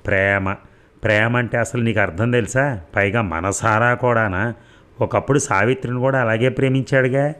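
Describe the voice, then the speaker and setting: A man's voice: mid-range voice, normal speed, a bit bright, natural voice. A man reading the lines of a frail older sister who speaks with sarcasm and scorn. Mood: scornful. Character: older sister, weak from illness, sharp-tongued.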